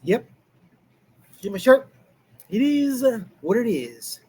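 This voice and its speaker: A man's voice: extremely high pitch, sing-song, takes it slowly, warm tone, slightly rough. A man hosting a live stream, reacting to clips in a rambling, chuckling way. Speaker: host.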